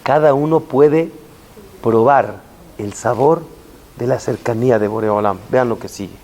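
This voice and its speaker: A rabbi giving a Torah lesson, telling stories with lively rises and falls and chanting Hebrew verses slowly. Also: male voice, mid-range voice. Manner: animated storytelling, voice rising and falling with emphasis.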